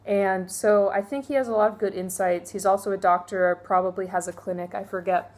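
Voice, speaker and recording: Young woman, casual vlog book review, mid-pitched, candid and chatty with frequent fillers. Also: fairly even intonation, fairly quick, darkish tone.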